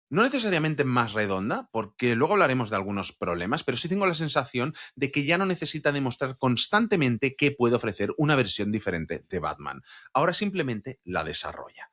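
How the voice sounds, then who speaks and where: Lively man reviewing a series. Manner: animated, emphatic delivery with lively swings in pitch. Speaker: host of a series review show. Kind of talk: scripted video review.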